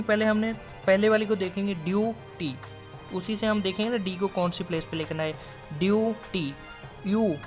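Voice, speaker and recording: A man explaining a stenography lesson step by step, drawing out example words and answering his own questions. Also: sits high. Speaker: stenography teacher. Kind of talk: classroom explanation.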